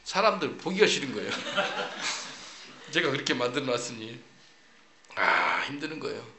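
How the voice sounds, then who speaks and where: Gravelly-voiced man preaching a sermon. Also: mid-range voice, unhurried, echoey room, heavy background noise. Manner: animated storytelling, acts out his own English quotes. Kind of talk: sermon with personal testimony.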